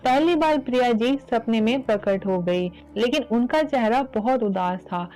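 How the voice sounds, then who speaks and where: A woman's voice: a little high, expressive, a little slow, a little mellow, rough recording. A woman narrating a devotional story as a channel host, addressing listeners earnestly.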